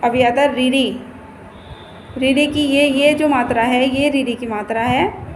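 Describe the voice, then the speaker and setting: Slow, high-voiced woman teacher. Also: fairly even intonation. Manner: patient, repeats and stretches words, points at the board. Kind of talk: slow classroom teaching of Hindi vowel signs. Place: classroom. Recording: echoey room with faint noise.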